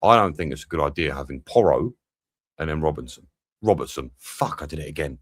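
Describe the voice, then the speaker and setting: A man's voice: a bass voice, lively intonation, fast talker, a bit bright, slightly rough, no echo, studio quality. A young man doing a live match watch-along, swearing freely and bantering with his chat between bits of play commentary.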